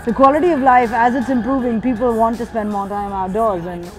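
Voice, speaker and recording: Speaking fairly quickly in a steady, higher-pitched voice, this thirtysomething graffiti artist raised in Switzerland muses reflectively for a documentary, restarting now and then as she thinks. Hip-hop plays beneath her, and the audio quality is poor.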